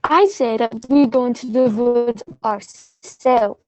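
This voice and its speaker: Female actor as anxious, naive young girl, comic fairy-tale play, high voice, unhurried pace. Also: a little mellow, dry recording, rough recording.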